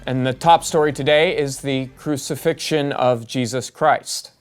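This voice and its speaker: A man's voice: medium pitch, steady tone, unhurried, smooth, natural voice. An actor playing an earnest, dramatic male breaking news anchor in a comedy sketch, with an urgent announcer delivery. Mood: grave.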